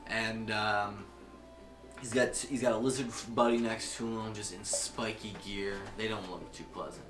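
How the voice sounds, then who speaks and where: A man's voice: on the low side, fairly even intonation, moderate pace, a bit bright, soft background music. A man narrating a tabletop game as game master, casual and profane, with vivid gory descriptions. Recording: roomy echo.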